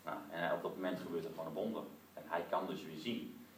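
A man with a fairly low voice preaches, telling his story lively and tossing in frequent rhetorical asides. He is recorded from some distance in a roomy space with echo and faint background noise. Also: quick pace. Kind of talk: sermon with prayer for listeners at home.

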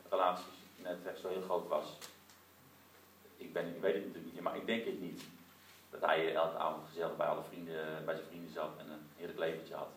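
A man preaching a sermon to listeners at home, telling the story lively with many rhetorical asides and closing in prayer. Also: deep voice. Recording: roomy echo, distant mic, faint noise.

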